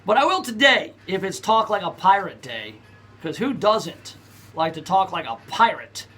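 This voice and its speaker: A man's voice: high-pitched, very animated, moderate pace, pushed and bright, breathy edge, faint music behind. A man hosting a talk radio show, chatting casually and reading news items aloud with lots of fillers. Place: radio studio.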